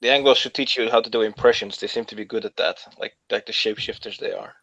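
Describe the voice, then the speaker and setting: A man in casual podcast chat, telling stories with pauses and restarts. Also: on the low side, vocal fry, a bit bright, husky, dry recording. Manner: hesitant, storytelling. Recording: dull lo-fi audio.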